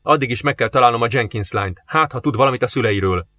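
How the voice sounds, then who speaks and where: A man's voice: medium pitch, pushed and bright, natural voice. A man reading an audiobook, voicing a harried male police captain who speaks brusquely and with exasperation. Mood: brooding.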